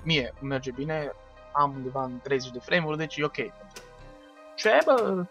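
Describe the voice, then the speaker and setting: A man giving excitable let's-play commentary, shouting and trash-talking at enemies. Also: on the high side, soft background music. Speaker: gaming video host.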